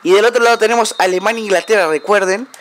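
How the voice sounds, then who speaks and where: A young man with an Argentine accent narrates his own football video game match, chatty and fan-like, breaking into shouts at the big moments. His voice sits very high for a man. A faint hum of noise runs under the recording. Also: racing. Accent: Argentine Spanish. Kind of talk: excited play-by-play game commentary.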